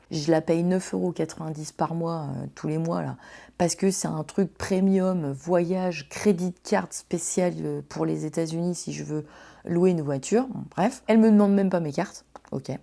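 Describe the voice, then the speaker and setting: A woman hosting a casual storytelling podcast, slangy, swearing and animated as she talks to her listeners. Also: deep voice, gravelly. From France. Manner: slangy and swearing, addresses listeners as "les gars". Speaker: podcast host.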